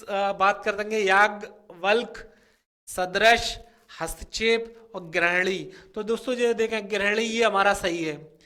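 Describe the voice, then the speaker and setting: A young man coaching students for exams, walking through spelling questions and drawing out each word slowly as he explains it. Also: sits high, bright, forceful tone. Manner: repeats words slowly and drawn out, fills with "theek hai". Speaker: exam coaching teacher.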